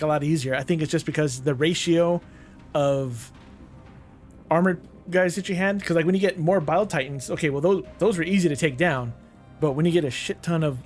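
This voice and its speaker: A man's voice: a little high, darkish tone. A man chatting casually during a co-op game, laid-back, trailing off and laughing now and then. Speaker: co-op gaming partner. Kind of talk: casual gaming chat.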